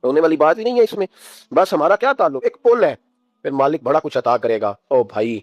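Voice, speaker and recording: A man with a fairly high voice preaches an emotional sermon, firing rhetorical questions at his listeners and weaving stories into his message. The recording is dull and muffled, with a close, dry sound and almost no room echo. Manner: rhetorical, exhorting, storytelling.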